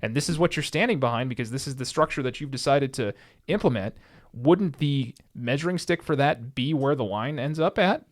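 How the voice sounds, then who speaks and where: Male podcast co-host, rapid casual sports chatter, rambling delivery. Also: mid-range voice. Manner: rambling, repeats himself when worked up.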